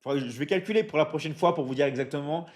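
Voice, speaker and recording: Talking very fast in a rather high voice, a man from France runs a live sales stream for his online academy, coaching viewers and reading their chat. He repeats himself energetically, fills gaps with "euh", and constantly asks "ok? d'accord?".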